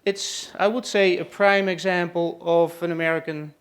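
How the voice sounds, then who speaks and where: A high-voiced man with a Dutch accent, from the Netherlands, presents a family to a live audience during a farm tour session in a trade expo room. His intonation is fairly even, his pace moderate and his tone fairly bright. He frequently hesitates, using fillers like "uh" and "let's say."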